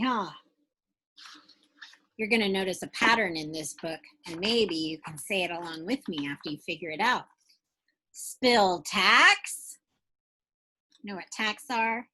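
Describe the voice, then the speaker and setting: With a fairly low but pushed, bright voice, a woman teacher reads a picture book aloud to young children. She stretches phrases expressively and directs questions straight at her listeners.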